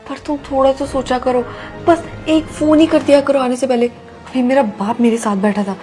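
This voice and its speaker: A woman plays a brazen young married woman in a melodramatic web drama, her voice sitting a little high as she presses her case and scolds those around her. Faint music runs under the scene. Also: fairly even intonation, moderate pace, dark tone, lightly acted. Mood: pleading. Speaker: daughter-in-law character. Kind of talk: scripted Hindi short-drama acting.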